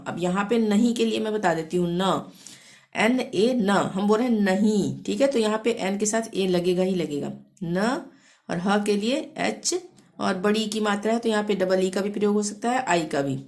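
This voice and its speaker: A woman teaching a language lesson, spelling words letter by letter and repeating phrases slowly and patiently. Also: medium pitch, darkish tone. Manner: repeats "theek hai" to check understanding. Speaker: Hindi teacher.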